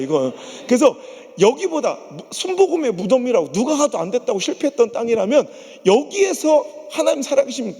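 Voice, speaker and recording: A man's voice: very high-pitched, breathy edge, long reverb tail. A man from the region preaching a revival sermon in a church, telling stories with jokes and voicing the people in them. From Chungcheong region, Korea. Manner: animated, joking storytelling with impersonations. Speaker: pastor. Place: large church sanctuary.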